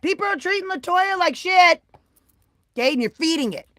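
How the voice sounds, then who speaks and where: A woman chatting casually with her live-stream viewers, swinging from soft mutters to loud, excited, swearing bursts. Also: very high voice, moderate pace, no echo, studio quality.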